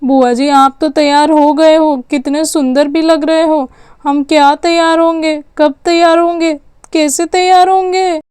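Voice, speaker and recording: A woman's voice: sits high, steady tone, measured pace, few pauses, darkish tone, no room sound, studio quality. Woman doing a lazy, whiny little girl. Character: young girl, lazy and full of questions. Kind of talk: storytelling with dolls.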